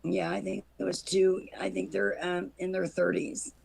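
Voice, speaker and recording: Female call-in guest, hoarse and heavily gravelled, casual talk over a slightly noisy connection. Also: lowish voice, little pitch movement, normal speed, a little mellow. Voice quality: hoarse, raspy. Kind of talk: casual chat.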